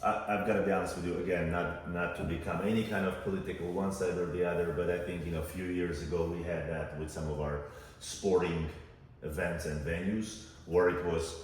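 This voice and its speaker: A man's voice: low-pitched, fairly even intonation, brisk. A man co-hosting a podcast, chatting casually and rambling reflectively with plenty of fillers. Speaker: podcast co-host. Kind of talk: casual chat. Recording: echoey room, far from the mic, faint noise.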